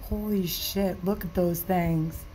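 A woman filming with her phone in a veterinary clinic, commenting with gasping, often hushed exclamations of awe. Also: on the low side, fairly even intonation, slow pace, faint music behind, low-quality recording. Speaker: dog owner filming a birth. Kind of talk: excited casual commentary.

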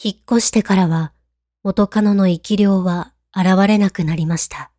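Woman reading scary stories, hushed n creepy, soft dark voice, really dry recording. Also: mid-range voice, fairly even intonation, measured pace, no echo. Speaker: ghost story narrator. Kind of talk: scripted horror story narration.

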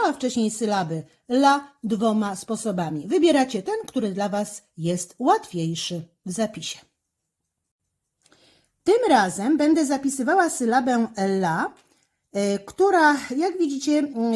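A woman teacher giving a handwriting lesson, slowly and carefully talking through each stroke as she writes, with fillers between steps. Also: fairly high pitch, lively intonation, a little mellow. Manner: slow, careful, instructive, with fillers. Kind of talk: handwriting lesson with step-by-step commentary.

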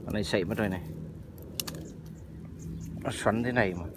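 Guy, lowish voice, chatting to viewers out in the fields, noisy outdoor sound. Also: a little fast. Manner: chatty, addresses viewers as family. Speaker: vlogger. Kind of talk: casual outdoor narration. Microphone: handheld phone or body camera.

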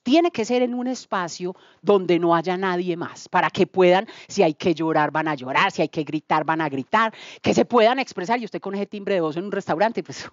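Colombian woman, testimony speaker, animated storyteller, dull dry recording. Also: mid-range voice, no room sound. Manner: lively storyteller acting out dialogue. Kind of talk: spoken testimony to a church group.

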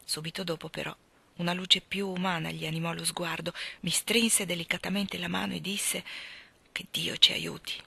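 A woman reading a novel aloud in the first person with measured, expressive storytelling. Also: on the low side, gravelly, breathy edge. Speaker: audiobook reader.

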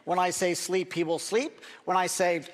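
A man's voice: high voice, level tone, normal speed, long reverb tail. A middle-aged man performing stage comedy as a hesitant, mock-earnest animal trainer. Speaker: ventriloquist posing as bird trainer. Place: large theater stage. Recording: loud audience noise in theater.

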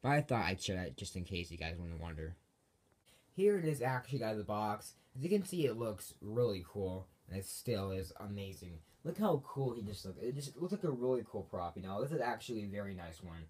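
Low-voiced man rambling through a casual review. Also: expressive, fairly quick, a little mellow, husky. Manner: rambling and repetitive, with self-corrections. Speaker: reviewer of Halloween props on his own channel. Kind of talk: casual unscripted product review. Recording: amateur home video with background noise.

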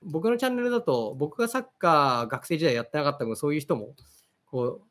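A man's voice: on the high side, expressive, fast, a bit bright. A man in his thirties hosting a football channel, talking casually and reflectively in a mix of plain and polite speech. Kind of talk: casual commentary talk.

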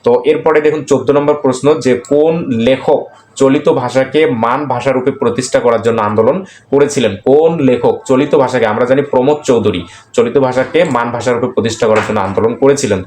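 A man's voice: medium pitch, fairly quick, a little mellow. A man with a Bangladeshi accent teaching an exam-prep lesson, explaining each answer step by step and repeating questions, with frequent "aah" fillers. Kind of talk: screen-recorded lesson walking through quiz answers. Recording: echoey room, faint background noise.

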